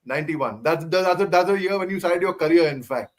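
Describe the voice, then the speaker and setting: An Indian man conducting a casual interview in English, his voice a little on the high side. He speaks haltingly, repeating words and dropping into Hindi as he goes. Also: lively intonation.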